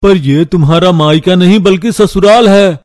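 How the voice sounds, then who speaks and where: A man voicing a patient young husband who grows loudly exasperated. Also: high-pitched, moderate pace, dry recording, clean studio sound, lightly acted.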